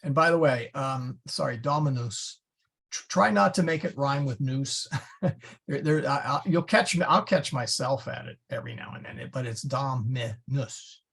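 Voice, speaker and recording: Gravelly, husky man teaching a class. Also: medium pitch, moderate pace, a bit bright. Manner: casual, self-correcting, chatty explanations. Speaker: Latin teacher. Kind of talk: classroom lecture. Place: church classroom.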